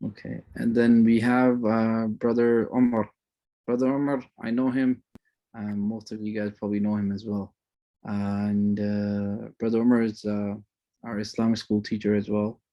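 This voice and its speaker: A man's voice: lowish voice, level tone, moderate pace, dull audio. Chatty man greeting an online class. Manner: chatty, rambling, sprinkles religious phrases. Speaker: course instructor.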